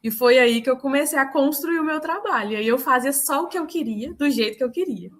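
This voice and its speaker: Uma mulher com sotaque mineiro que conta casos do trabalho numa chamada de vídeo, imitando as falas dos outros com animação. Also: female voice, high-pitched, brisk, a little hiss or hum. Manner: animated, quotes herself and others. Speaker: book club participant. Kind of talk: casual storytelling in a video call. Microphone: video call.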